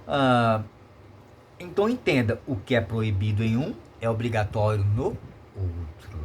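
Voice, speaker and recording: A man's voice: fairly low pitch, sing-song, unhurried, slight background noise. A Brazilian man teaching Portuguese grammar in a remote lesson, explaining patiently and checking in with short tag questions.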